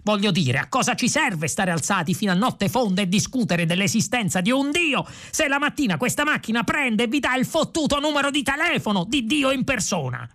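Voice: medium pitch, animated, normal speed, pitched above the performer's own voice, lightly acted. An audiobook reader voicing an irritable older male philosopher who blusters and threatens in a raised voice. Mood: threatening blustering. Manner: blustering, bossy.

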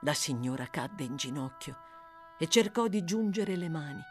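A woman reads a classic novel aloud with measured, expressive storytelling. Her voice is lively in melody, shaping each sentence with care. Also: lowish voice, faint music behind. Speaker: audiobook narrator. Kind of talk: literary audiobook narration.

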